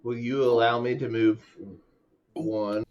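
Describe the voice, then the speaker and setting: An excitable man at a tabletop game rattles off rolls and plans in quick bursts. His voice sits in a middle pitch, and the recording sounds a bit dull. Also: faint music behind. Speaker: player.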